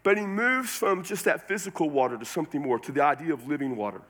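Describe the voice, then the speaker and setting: Fast and animated, this male pastor from Texas delivers a sermon in a homespun, chatty style rich in colloquialisms. His Texan-accented voice is a little high and a bit bright.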